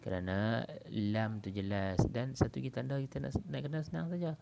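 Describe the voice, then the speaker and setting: A man with a Malaysian accent teaching an Arabic lesson in an online class, explaining patiently and drawing out example words slowly. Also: medium pitch, steady tone, gravelly, very noisy.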